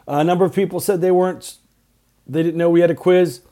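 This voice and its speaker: A man's voice: on the high side, fairly even intonation, brisk, dark tone. A middle-aged male teacher recording class announcements for his students' podcast, talking in clipped short phrases with earnest reminders.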